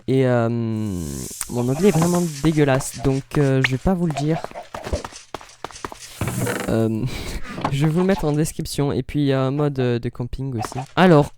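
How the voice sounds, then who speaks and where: A man's voice: medium pitch, animated, a little slow, noisy background. A man hosting a casual let's-play, rambling in self-interrupting, jokey asides as he comments on his game. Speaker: gaming channel host.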